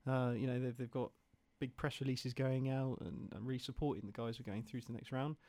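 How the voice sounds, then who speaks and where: A man from a band sits in as a guest on a radio show, talking quickly and eagerly. He keeps restarting his sentences as he goes. The studio sound is dry and close. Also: mid-range voice, level tone, mellow, no echo. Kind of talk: casual radio interview.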